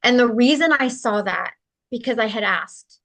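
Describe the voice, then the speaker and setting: A woman with a slightly high voice speaks as a guest in a conversation and tells a personal story. She is earnest and open, with easy little laughs and casual fillers between her thoughts. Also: expressive, moderate pace, a bit bright. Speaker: interview guest, spiritual practitioner.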